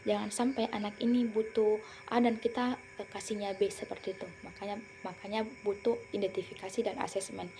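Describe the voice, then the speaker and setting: A young woman talks through a class presentation in a mellow, soft-toned voice, stopping now and then on fillers and restarting her words. Faint noise sits under the recording. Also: medium pitch, level tone, brisk. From Indonesia. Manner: explanatory, with frequent fillers and self-corrections. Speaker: student presenter. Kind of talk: academic presentation.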